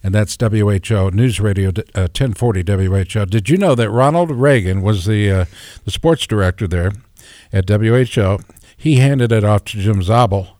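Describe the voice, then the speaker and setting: A man's voice: fairly low pitch, moderate pace, darkish tone, no echo, clean studio sound. A man hosting a radio show in a chatty, folksy, joking way. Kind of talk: casual radio talk.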